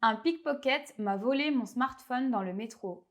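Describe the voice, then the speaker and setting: Higher-pitched French woman teaching clearly. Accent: French of France. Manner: clear and didactic, slows down to spell out pronunciations. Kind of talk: explanatory language lesson.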